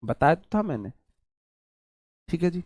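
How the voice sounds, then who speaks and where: A male teacher gives an online exam-prep lesson, his voice a touch higher than most men's. He talks in a chatty, repetitive way, drilling key words and throwing in joking asides. The sound is close and dry, with no room echo. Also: very animated, unhurried, darkish tone, breathy edge.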